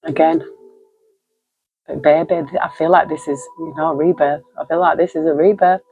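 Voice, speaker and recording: A woman's voice: deep voice, steady tone, normal speed, phone-quality sound. A woman giving a spoken tarot card reading, reflective and emotional, listing card meanings aloud. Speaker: tarot reader.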